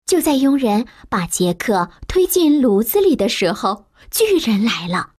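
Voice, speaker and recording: A woman narrating a children's storybook slowly and expressively. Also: mid-range voice, husky. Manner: slow, expressive, lively storytelling.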